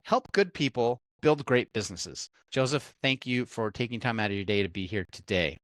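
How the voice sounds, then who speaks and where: A man hosting a business podcast, introducing his guest and asking questions in an upbeat, animated way. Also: medium pitch, moderate pace, dry recording. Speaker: podcast host. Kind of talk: interview hosting.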